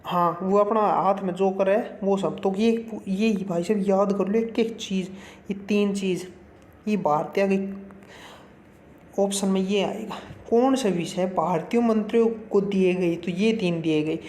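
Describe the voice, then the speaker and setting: A man's voice: sits high, measured pace, a little mellow, slight background noise. A man teaching an exam-prep lesson in a casual, chatty, folksy way, mixing in English terms and calling the viewer brother. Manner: mixes Hindi with English terms. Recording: roomy echo.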